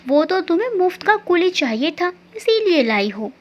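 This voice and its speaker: A woman's voice: very high voice, very animated, moderate pace. A woman voicing a playful young man who teases and jokes with an older aunt. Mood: teasing. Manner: playful, apologetic teasing. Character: young adult man, joking and teasing. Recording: dull lo-fi recording.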